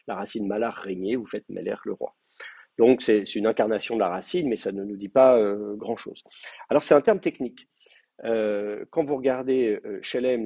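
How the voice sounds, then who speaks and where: A man's voice: fairly low pitch, vocal fry, dark tone, husky, no echo. A man with a French accent giving a university lecture on biblical Hebrew, hesitant with many fillers and restarts. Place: classroom, also streamed to remote students.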